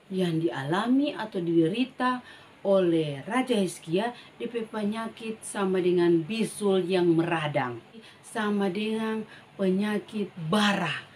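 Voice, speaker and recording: A woman, teaching a children's Bible lesson in an animated storytelling manner and talking straight to the kids. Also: mid-range voice, a little hiss or hum. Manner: animated, addresses the children directly.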